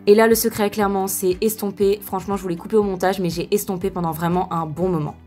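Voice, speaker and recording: A woman's voice: medium pitch, steady tone, quick pace, a little mellow. Young female beauty vlogger, casual and chatty voice-over, often corrects herself, faint music underneath. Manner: chatty, with frequent fillers and self-corrections. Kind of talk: casual makeup tutorial voice-over.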